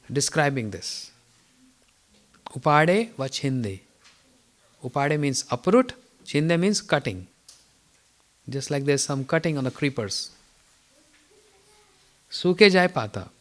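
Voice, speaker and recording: A man giving an informal morning spiritual lecture, telling stories with chuckles and throat clearing. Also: a little high. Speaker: spiritual teacher.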